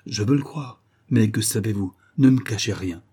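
A commanding young colonel speaks in short, clipped orders, read by a man narrating the book. His voice is dark and a little husky, and it sits low. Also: lively intonation, moderate pace. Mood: earnest. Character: young wealthy male colonel, curt and commanding.

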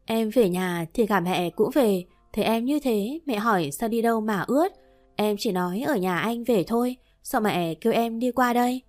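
A woman's voice: fairly high pitch, normal speed, darkish tone, natural voice. A woman voicing a tearful, two-faced young woman who pleads and denies, read in a storybook manner with light music behind. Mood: defensive. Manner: pleading and defensive.

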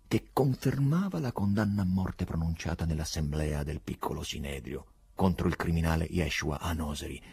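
A man narrating a novel as an audiobook, reading in an expressive, theatrical way. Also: deep voice, gravelly, breathy edge.

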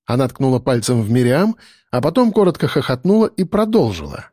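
Male narrator, storybook reading, lively pitch, dry close sound. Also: a little fast, dry recording. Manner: voices many characters with shifting pitch. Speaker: audiobook narrator. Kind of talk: scripted narration with acted dialogue.

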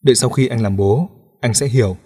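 A male audiobook narrator voicing a soft-spoken female police officer in a quiet, subdued manner. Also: mid-range voice, fairly quick, slightly rough, close to an everyday voice.

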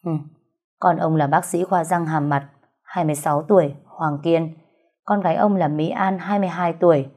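A woman reading an audiobook, voicing a ruthless young male gangster who speaks flatly and without care. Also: low voice, normal speed. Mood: cold. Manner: flat, even, unbothered delivery.

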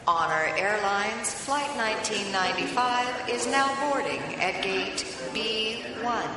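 A woman's voice: mid-range voice, slow pace, heavy reverb, big-room sound, distant mic, noisy background. A woman making a polite, formal boarding call over an airport intercom. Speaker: airport gate announcer.

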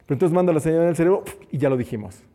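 A man's voice: fairly high pitch, lively intonation, rapid-fire, dark tone, faint music behind. A man preaching a conversational sermon who acts out the quotes he tells. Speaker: preacher and teacher.

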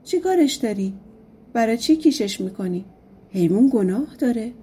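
A gentle young prince from a folk tale, asking one puzzled question after another. His voice sits high and soft, a little breathy, as a woman reader plays him. He sounds kind and baffled. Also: animated. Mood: pleading. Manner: questioning, surprised.

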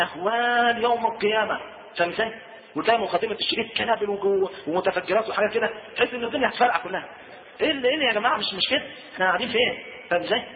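Man, Egyptian accent, preacher, very rapid delivery, tinny phone-like sound. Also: sits high. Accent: Egyptian Arabic. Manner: chatty, keeps asking rhetorical questions. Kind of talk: colloquial religious lesson. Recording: tinny lo-fi roomy recording.

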